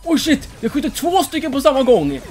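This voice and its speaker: Gamer, headset, loud and cocky, big swings in pitch, game music running behind. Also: very animated. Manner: shouty, boastful, trash-talking. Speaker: let's play gamer. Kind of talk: excited gameplay commentary.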